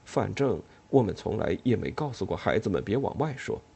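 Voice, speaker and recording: A man voicing an anxious builder who pleads in a hushed voice in an audiobook. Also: lowish voice, very animated, fairly quick, gravelly, slightly rough, full character voice. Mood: hushed pleading.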